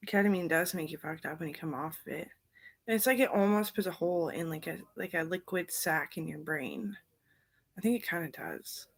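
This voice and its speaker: Low-voiced woman, rambling and drifting. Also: a little fast, husky. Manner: drifting, trails off into unvoiced whispers; meandering, loose train of thought. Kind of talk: rambling casual monologue.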